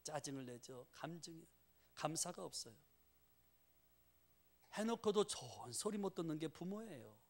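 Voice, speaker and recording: A middle-aged male pastor preaching a sermon in an animated way, often prompting the congregation with rhetorical questions. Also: on the high side, moderate pace, long pauses.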